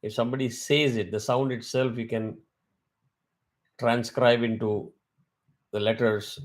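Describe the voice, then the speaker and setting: A man's voice: mid-range voice, flat delivery, a little slow. A man teaching a weekly Vedic class over a video call. He explains step by step and asks his students questions.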